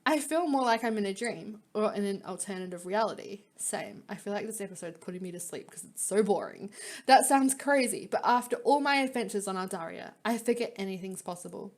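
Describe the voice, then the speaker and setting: A woman's voice: medium pitch, animated, brisk. A woman reading a visual novel aloud, mixing dramatic narration with casual, wry asides. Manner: dramatic reading broken by wry, giggly commentary. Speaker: player reading game story aloud.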